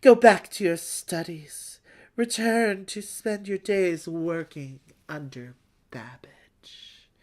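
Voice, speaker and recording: A woman's voice: lowish voice, slow pace, darkish tone. A woman reading a villain's letter aloud as a sneering, taunting man, in a haughty and theatrical manner.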